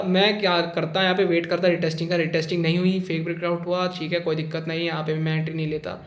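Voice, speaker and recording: A man with a fairly high voice walks viewers through trading charts in a casual, joking tone. He keeps checking in with his listeners as he goes. The sound has a noticeable room echo. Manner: chatty, constantly checks in with "okay" and calls listeners "brother"; jokey, teasing about losing traders. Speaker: trading instructor. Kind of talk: casual screen-share chart lesson.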